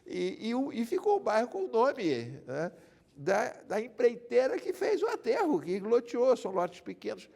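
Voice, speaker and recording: Recorded in a big-room space, an older Carioca lawyer from Rio de Janeiro rambles through stories as an interview guest, repeating himself and frequently adding "né?". His very high voice swings hugely in pitch at a moderate pace, slightly mellow with vocal fry.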